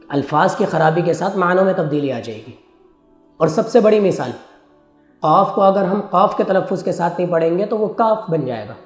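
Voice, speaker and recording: A man's voice: fairly high pitch, a little mellow. Patient male Quran teacher, echoey room. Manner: patient, explanatory, breaks into chanted Arabic verses. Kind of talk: religious lecture on Quran recitation. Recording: echoey room with faint music.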